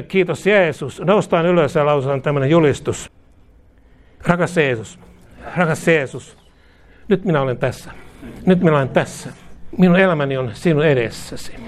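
Male preacher, fairly high voice, fervent, leads call-and-repeat prayer. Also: a little mellow. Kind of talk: charismatic prayer leading.

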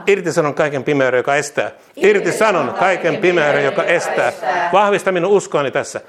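A man leading a fervent charismatic prayer and blessing, chanting repeated syllables, speaking in tongues and laughing through his words. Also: fairly high pitch. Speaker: prayer leader. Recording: crowd noise in the background.

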